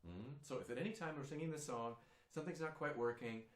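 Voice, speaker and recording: A man's voice: mid-range voice, fast talker. A man leading an online singing lesson, who coaches encouragingly and demonstrates sounds by singing, a German speaker by first language. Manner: encouraging, talks the learner through, demonstrates vowels by singing. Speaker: singing teacher. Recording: roomy, with guitar faintly behind.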